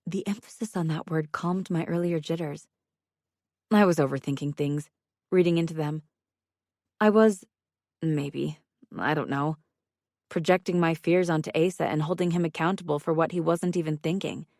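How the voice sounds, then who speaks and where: A woman reads a first-person audiobook in a low, gravelly voice. Her storytelling is measured and intimate, and the recording is close and dry. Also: darkish tone, dry recording. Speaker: audiobook narrator.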